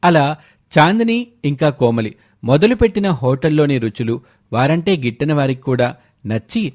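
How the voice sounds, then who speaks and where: A man's voice: a little high, animated, normal speed, darkish tone. A man narrating a folk story in a scripted storyteller's lilt.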